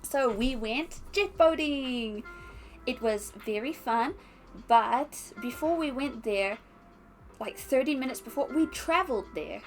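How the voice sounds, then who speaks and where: A young woman with an Australian accent chatting casually on a stream, animated and laughing often. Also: takes it slowly, soft background music. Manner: chatty, reads chat aloud, laughs often, animated with pitch jumps. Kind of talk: casual chat while unboxing.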